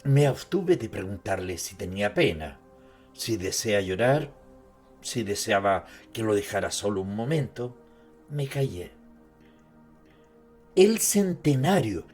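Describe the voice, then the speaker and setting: A man with a fairly low voice narrates about literature at a very slow pace. He turns to the listener directly, mixing dramatized storytelling with conversational asides. Music plays softly behind him. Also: very animated, husky. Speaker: narrator presenting an author's life and works.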